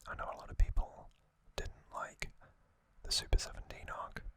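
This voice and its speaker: In a gentle whisper, a man in his thirties chats casually as a fan for ASMR listeners, never rushing and pausing at length.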